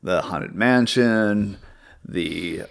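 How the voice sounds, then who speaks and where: A man's voice: fairly low pitch, extremely slow, gravelly. A man hosting a podcast, telling a story in a rambling, hesitant way over casual chat. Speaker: podcast host.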